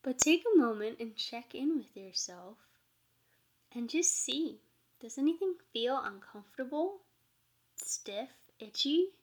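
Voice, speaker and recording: A woman's voice: high voice, animated, a little slow. A woman giving informal meditation instruction as a teacher, speaking in a reflective, conversational way.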